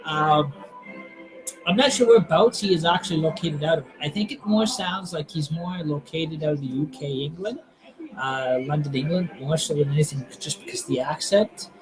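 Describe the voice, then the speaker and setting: A man's voice: on the high side, normal speed, over music, poor audio. A man hosting a live stream, chatting casually and hesitantly, with many fillers and restarts. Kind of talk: casual rambling chat.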